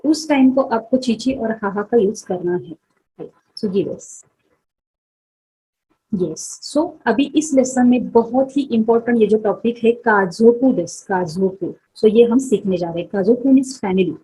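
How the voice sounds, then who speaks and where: A young woman explaining vocabulary step by step in a relaxed lesson, repeating words slowly and asking checking questions. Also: fairly high pitch, breathy edge, poor audio. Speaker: Japanese teacher. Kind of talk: Hindi-English vocabulary lesson.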